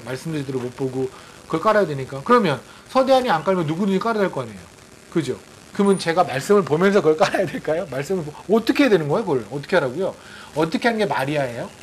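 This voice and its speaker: A man with a high voice delivers a sermon as a missionary preacher. He talks conversationally, acting out quotes and firing off rhetorical questions at his listeners. Faint noise hums behind him. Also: poor audio.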